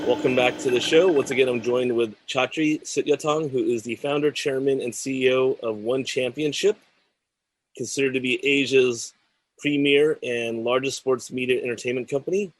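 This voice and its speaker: A male show host with a middle-pitched voice, reading through tech news in a measured way before he turns to his guest. The sound is close and dry, with no room around it. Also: steady tone, dry recording, poor audio. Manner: measured, reads news items then chats. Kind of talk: scripted news segment and interview.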